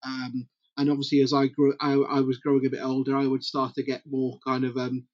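A middle-aged man from Britain chatting as an interview guest, halting and repeating words as he goes. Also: mid-range voice, monotone, dry recording, lo-fi sound. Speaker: podcast guest, comics publisher. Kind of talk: casual interview chat.

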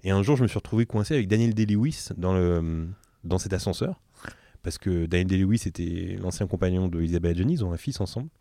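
A man's voice: sits low, quick pace, dark tone, dry recording, clean studio sound. A man hosting a podcast, chatting casually and telling stories, laughing often. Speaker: podcast host. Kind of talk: casual chat.

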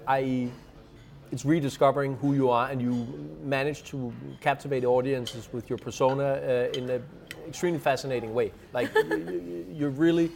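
A man's voice: medium pitch, steady tone, moderate pace, creaky, darkish tone. A man hosting an interview over lunch, hesitant, with many uhs and repeated words. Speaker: podcast host.

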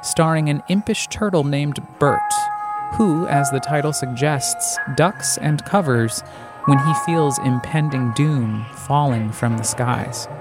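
A man from the United States narrating a scripted first-person audio essay in a reflective, deliberate way. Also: on the high side. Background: music.

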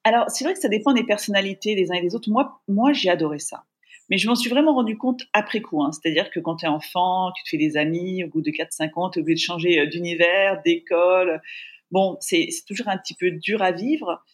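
A woman who grew up in francophone Africa, talking warmly and reflectively as a guest in a remote interview. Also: fairly low pitch, a little fast. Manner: warm, reflective, thinks aloud. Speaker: podcast guest, TV presenter.

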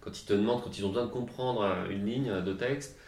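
A man's voice: fairly low pitch, quick pace, a little mellow. A man interviewing a guest, asking long, rambling questions full of fillers. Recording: roomy echoey sound.

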